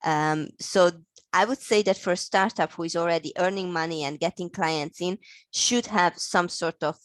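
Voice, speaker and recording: A woman's voice: fairly low pitch, moderate pace, dry recording. A woman from Hungary, speaking English with a Hungarian accent, explaining her work in an interview with many fillers and restarts. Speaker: guest, operations consultant. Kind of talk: interview answers.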